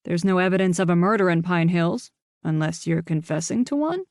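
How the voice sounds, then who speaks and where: A woman reading the part of a young male police officer who teases in a dry, deadpan way. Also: fairly low pitch, fairly quick, no room sound, lightly acted. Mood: calm.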